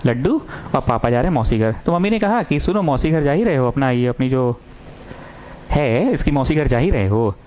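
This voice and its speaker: A man teaching a maths lesson, coaxing his students and repeating lines slowly as he dictates. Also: mid-range voice, expressive, a little mellow, poor audio. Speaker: maths tutor.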